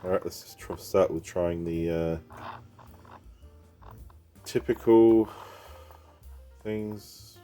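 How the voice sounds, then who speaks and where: A PC repair vlogger with a head cold rambles casually while fixing a computer, thinking aloud and reading out on-screen text. His low, dark voice moves very slowly with frequent pauses, and faint music plays behind him.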